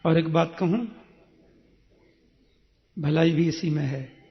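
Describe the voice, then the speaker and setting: High-voiced man telling devotional stories. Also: slow. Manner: animated, acts out characters. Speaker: religious storyteller. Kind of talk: devotional sermon storytelling. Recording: echoey hall, dull sound, faint music.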